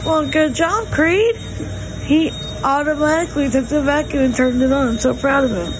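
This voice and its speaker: A woman with a Southern US accent chatting casually to viewers as a family vlogger, in a drawling, folksy, encouraging way. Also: moderate pace. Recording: noisy handheld recording with vehicle rumble.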